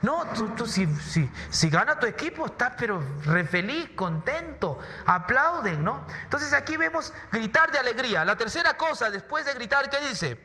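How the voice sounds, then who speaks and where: A male pastor preaching with a very high, piercing, bright voice. He drives his points home by repeating words and throwing questions at the congregation. His voice rings with a long reverb in the church hall. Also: big pitch swings, moderate pace, few pauses, slight background noise. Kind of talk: sermon.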